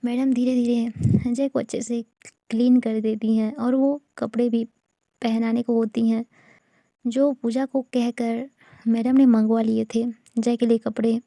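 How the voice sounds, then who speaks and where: Woman telling an audio love story, slow and gravelly, kinda dark-toned. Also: a little high, level tone, no echo, studio quality. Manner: slow, conversational storytelling with asides.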